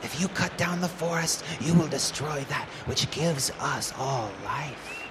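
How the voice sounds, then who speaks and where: Storybook part: an earnest little porcupine with a lowered voice, played by a woman. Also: measured pace, background noise. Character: whispering, earnest tree porcupine.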